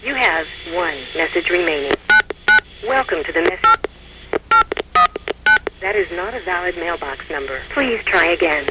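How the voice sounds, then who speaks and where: High male voice as a recorded phone message, flat and automated, heavy line hiss. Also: a little slow, pauses often. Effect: recorded phone system message. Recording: noisy telephone line recording.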